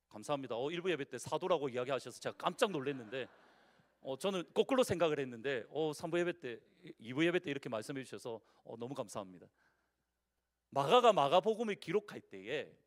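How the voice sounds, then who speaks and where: A male pastor with a Busan accent preaching a sermon, putting questions to the congregation and swinging from loud declarations to hushed endings. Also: a little high. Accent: Busan Korean. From Busan, South Korea. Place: church sanctuary.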